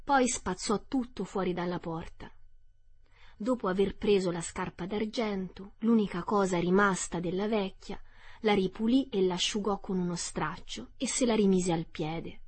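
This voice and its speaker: A woman narrating a classic storybook aloud for radio, measured and expressive. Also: medium pitch, husky. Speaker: audiobook reader.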